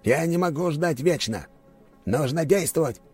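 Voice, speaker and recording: A scheming duke with a cold, commanding manner, as a male narrator puts him on. He speaks in a voice raised well above the reader's deep narration, a little husky. Soft music plays underneath. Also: animated, measured pace. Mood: impatient. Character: scheming, ruthless middle-aged male duke. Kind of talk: audiobook character voice.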